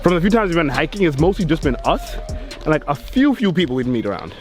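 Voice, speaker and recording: A man's voice: on the high side, sing-song, fast talker. A man hosting a travel vlog, chatting casually and joking with a friend while out on a mountain trail and city streets. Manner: joking, chatty, filler-heavy. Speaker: travel vlogger. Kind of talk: casual on-camera chat. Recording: background music over the voice.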